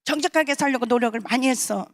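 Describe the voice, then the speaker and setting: A woman's voice: high-pitched, fast talker, fairly bright tone. A woman pastor preaching a sermon, emphatic and conversational, asking the congregation questions and acting out short quoted voices. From South Korea.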